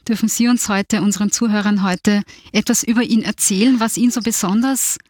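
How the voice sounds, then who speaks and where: A woman's voice: medium pitch, steady tone, a little fast, darkish tone. A woman hosting a religious radio show, formal and courteous, opening with a scripted introduction. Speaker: radio host. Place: radio studio.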